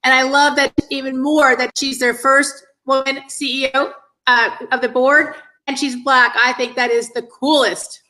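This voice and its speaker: A woman's voice: sits high, level tone, measured pace, bright, forceful tone, low-quality recording. A woman in her fifties from the northeastern US, giving earnest, appreciative answers as an interview guest. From northeastern United States. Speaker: interview guest, children's cancer charity director. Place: indoors on an online call.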